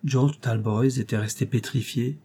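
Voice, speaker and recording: A man narrating a classic novel with a measured, steady storytelling delivery. His voice is warm and mellow, with a husky, slightly breathy grain. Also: mid-range voice. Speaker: audiobook reader. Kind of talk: reading a novel aloud.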